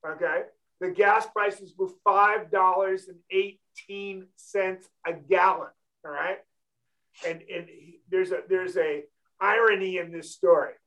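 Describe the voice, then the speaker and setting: Blunt and emphatic, a Californian host of a financial talk show keeps asking "okay?" as he chats casually. His high voice has a fairly bright tone, though the audio is poor.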